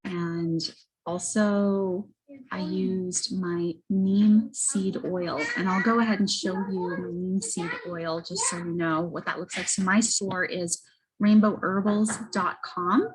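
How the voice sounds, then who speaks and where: A woman giving a casual, halting product testimonial as a host, often correcting herself as she goes. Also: lowish voice, steady tone, slight background noise, poor audio. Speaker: host presenting wellness products. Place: library children's area. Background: children and banging in background.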